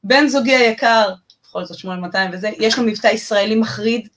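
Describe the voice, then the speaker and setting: A woman's voice: a little high, fairly bright tone. A woman with an Israeli accent talking casually and emphatically as a podcast co-host, repeating phrases for emphasis.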